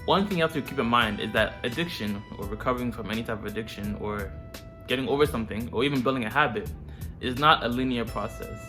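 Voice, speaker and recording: A man's voice: medium pitch, quick pace, over music. A man hosting a self-improvement series, talking straight to the viewer in a casual, slangy, informal way. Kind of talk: casual direct-to-viewer advice talk.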